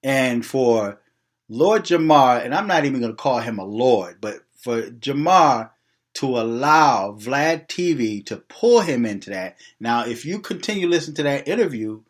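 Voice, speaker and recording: A man's voice: medium pitch, lively intonation, a little slow. Guy hosting a commentary show, mid voice, scolding and disapproving. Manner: disapproving, admonishing. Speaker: host commenting on interview clips. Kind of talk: spoken commentary.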